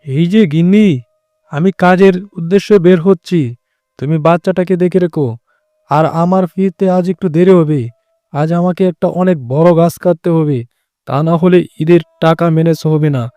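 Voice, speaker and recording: A man voicing a good-hearted poor woodcutter fox, a devoted husband, in an earnest, expressive cartoon style. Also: on the high side, moderate pace, clean tone, no room sound, close to an everyday voice. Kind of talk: cartoon voice acting.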